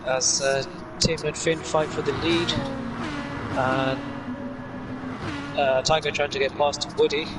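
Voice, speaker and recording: A man's voice: a little high, fairly even intonation, slow pace, long pauses. Man, motorsport commentator, live race calls, off-mic sound, heavy car noise. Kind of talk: live sim-racing commentary. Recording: distant mic under loud car noise.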